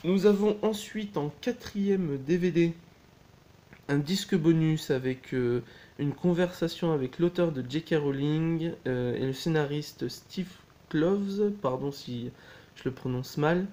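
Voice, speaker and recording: A man's voice: a little high, unhurried, dark tone. Chatty man showing off a collection. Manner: chatty, many hesitations and self-corrections. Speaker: collector showing a DVD box set. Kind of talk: casual unboxing chat.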